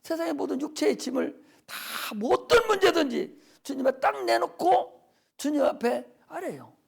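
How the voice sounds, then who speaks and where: An older man, a pastor preaching a Friday worship sermon with fervent urging that drops to soft near-whispers. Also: very high voice, animated, moderate pace, gravelly.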